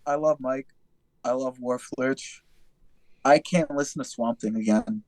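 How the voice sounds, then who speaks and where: A man's voice: mid-range voice, unhurried, a little hiss or hum. A young adult man telling stories in a casual, profane podcast chat. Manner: profane, animated storytelling. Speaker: podcast host.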